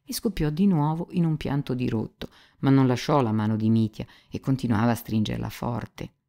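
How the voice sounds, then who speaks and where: A woman narrating a classic novel as an audiobook in a measured, calm storytelling manner. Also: rumbling low, gravelly.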